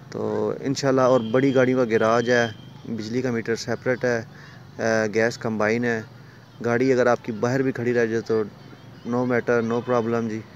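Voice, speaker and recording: Through a phone camera held while walking, a property dealer with a Pakistani Urdu accent shows off a large empty rental house, inside and on the stairs. His voice is mid-range, the recording muffled with a little hiss or hum, and his salesy patter keeps directing the viewer's attention to things.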